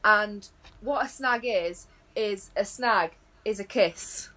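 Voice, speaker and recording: A woman's voice: mid-range voice, slow, bright, forceful tone. A woman in casual chat on a podcast, playing a quiz contestant, giggly and playful, rambling through answers.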